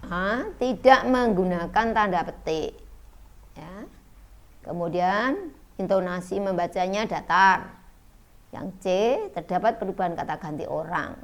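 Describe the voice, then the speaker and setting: A woman's voice: fairly low pitch, measured pace, long pauses. A middle-aged woman teacher giving an online school lesson, explaining step by step with frequent fillers.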